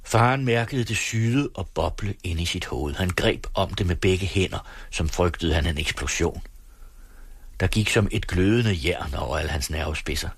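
A man reads a novel aloud on the radio with a measured, dramatic delivery. His voice is very low and husky, and the studio recording is dry and close. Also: no echo. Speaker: radio reader. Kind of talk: audiobook reading on radio.

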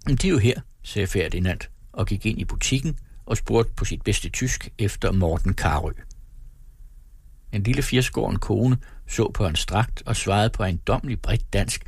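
Low, husky man reading a novel. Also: no echo, clean studio sound. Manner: measured, descriptive reading. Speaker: narrator. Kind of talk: scripted audiobook narration.

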